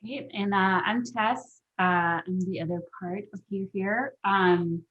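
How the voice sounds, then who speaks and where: A woman's voice: medium pitch, fairly even intonation, slow pace. A woman from Denmark, a guest on a video-call interview, talking hesitantly with lots of fillers. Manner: hesitant, many fillers like kind of and um. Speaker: guest, deck co-creator. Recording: dull lo-fi call audio.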